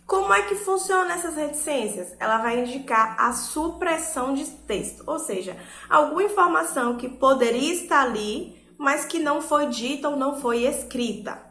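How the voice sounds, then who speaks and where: High-voiced Brazilian woman teaching, roomy echo. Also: moderate pace. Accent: Brazilian Portuguese. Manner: expressive, emphatic, asks rhetorical questions, often adds "né?". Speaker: primary school Portuguese teacher. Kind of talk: recorded classroom lesson.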